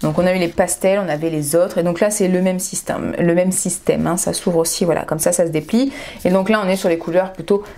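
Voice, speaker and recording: A woman's voice: on the low side, fairly even intonation, fairly quick, mellow, slight background noise. A young woman vlogging a makeup haul at home, gushing and enthusiastic, repeating words for emphasis. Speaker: beauty vlogger. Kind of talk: casual makeup haul vlog.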